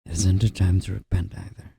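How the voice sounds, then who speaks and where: Husky low man, soft-spoken boyfriend role-play. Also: level tone, dry recording, studio quality. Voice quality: husky, gravelly. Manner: soft, breathy, intimate murmur drifting into soft voice; slow, gently reassuring boyfriend-style comforting. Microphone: close microphone.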